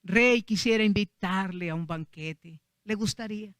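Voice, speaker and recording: Un hombre que hace de una joven reina asustada y suplicante, hablando con emoción dentro de una predicación. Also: male voice, high voice, normal speed, a bit bright, clear, resonant tone, no room sound, studio quality. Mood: pleading. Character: frightened young queen, pleading.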